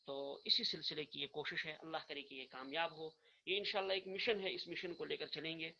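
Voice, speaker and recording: Earnest man teaching online, bright voice. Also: fairly high pitch, steady tone, gravelly, highs cut off, a little hiss or hum. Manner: earnest, explains step by step, repeats points, recites letters slowly and loudly. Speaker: Arabic grammar teacher. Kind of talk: online lecture.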